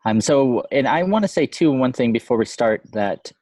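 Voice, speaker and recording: Co-hosting a casual podcast, this software developer speaks at a moderate pace in an animated, medium-pitched voice that's a little mellow, with no echo. His close mic has too much gain, so the sound comes out slightly fuzzy and distorted.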